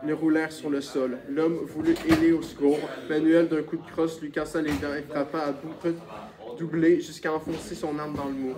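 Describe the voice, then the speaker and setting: A man reading a novel aloud as an audiobook narrator, in a steady, measured voice. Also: on the high side, a crowd in the background. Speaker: audiobook reader. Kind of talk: scripted narration. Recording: noisy with clicks.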